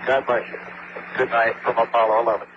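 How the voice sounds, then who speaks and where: A man's voice: mid-range voice, level tone, a little fast. A man making terse, matter-of-fact callouts over a crackly space radio transmission, heard from an archival recording. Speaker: astronaut on mission radio. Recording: muffled, noisy archival radio feed.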